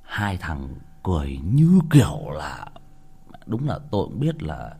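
Deep-voiced, crude storyteller. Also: male voice, a little slow, gravelly, husky. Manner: crude, colloquial and animated. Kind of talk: casual storytelling.

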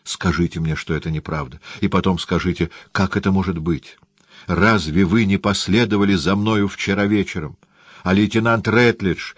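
Audiobook role: a male reader as a desperate Jesuit priest, shaky and deep-voiced. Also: no room sound, clean studio sound. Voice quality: trembling. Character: older Jesuit priest, distraught and pleading. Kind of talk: audiobook character reading.

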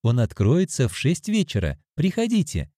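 A man's voice: fairly high pitch, wildly swooping pitch, normal speed, warm tone, dry recording, pitched above the performer's own voice. A stern young hotel receptionist, read by a man, prim and matter-of-fact. Her voice sits well above the reader's own and swings up and down as she lists things off. The sound is close and dry.

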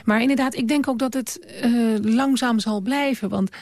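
A woman hosting a late-night radio show in a studio, gently asking questions and reading a book passage aloud. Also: a little high, normal speed, dry recording. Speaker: radio host.

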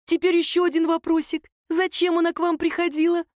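A woman voicing a lanky, menacing male thug who mocks his victim in a slow, sneering drawl. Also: extremely high pitch, flat delivery, darkish tone, no echo, clean studio sound, voice pushed up. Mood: menacing, mocking.

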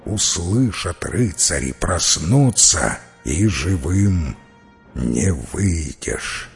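Storybook part: man reading a husky old guardian, low and unhurried, full of warning. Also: lively intonation, soft background music, full character voice. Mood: grave warning. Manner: slow, grave warning.

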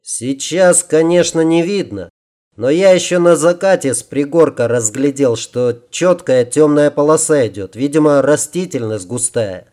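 A practical, steady young leader gives firm orders, as a male narrator voices him. His voice stays dark and even. It is a storybook reading. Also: a little high, measured pace. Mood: planning. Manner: commanding, practical. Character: practical, determined young man leading a weary group.

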